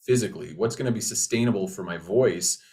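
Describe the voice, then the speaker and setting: A man with a fairly low voice explains things as a voice teacher. His delivery is conversational and reassuring, with hesitant restarts as he works toward each point. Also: fast talker, mellow. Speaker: voice teacher, co-presenter.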